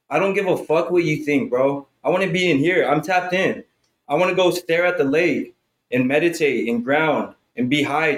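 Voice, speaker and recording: A man in his thirties talking in a casual chat, profane and hyped, filling his talk with "bro" and "right?". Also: a little high. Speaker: podcast guest.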